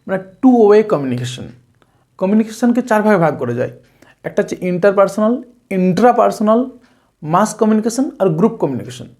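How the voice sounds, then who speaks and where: A woman's voice: mid-range voice, expressive, fast, warm tone. West bengali lady coaching interview tips, lots of uhs and restarts, drops english words in. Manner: hesitant, frequent "uh" fillers and restarts; mixes English terms into speech. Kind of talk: spoken tips lesson to camera.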